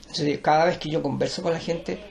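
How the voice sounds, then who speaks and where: A man's voice: on the high side, fairly even intonation, fairly quick, vocal fry, darkish tone. An older man with a Chilean accent, a teacher and performer, talking in a digressive, lecturing way with many restarts. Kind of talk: rambling conversational interview.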